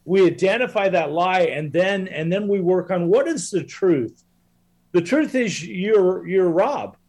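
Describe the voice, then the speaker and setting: A man with a slightly higher than usual voice speaks as a guest in a casual interview. He talks earnestly and reflectively about his coaching work with people. His speech comes across as sincere and thoughtful. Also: lively intonation, unhurried, darkish tone.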